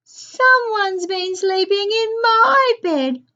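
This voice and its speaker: A woman voicing a small, tearful little boy bear cub with a tiny high voice. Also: drawn-out words, pushed and bright, muffled recording, full character voice. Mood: wailing. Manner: wailing, tearful.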